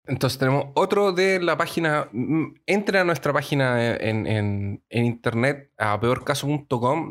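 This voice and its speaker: A man co-hosting a chatty podcast with an easygoing, joking delivery. His voice sits at an everyday mid pitch. He reads listener messages aloud between laughs with his co-host. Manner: relaxed, jokey, reads listener comments aloud. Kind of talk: casual podcast chat.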